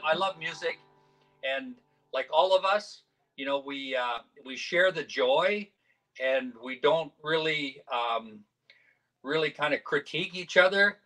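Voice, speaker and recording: A man's voice: on the high side, bright, forceful tone, low-quality recording. A man from Saskatchewan, Canada, joining a video call by phone and telling a rambling, self-deprecating story in a jovial, casual way. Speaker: guest performer.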